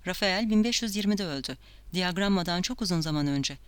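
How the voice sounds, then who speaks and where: A bewildered male professor trying to keep up, as an audiobook reader puts him on, questioning and unsettled. The voice is smooth and clear, close and dry. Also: mid-range voice, animated, fairly quick, a bit bright, dry recording, close to an everyday voice. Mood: firm. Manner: confused, questioning.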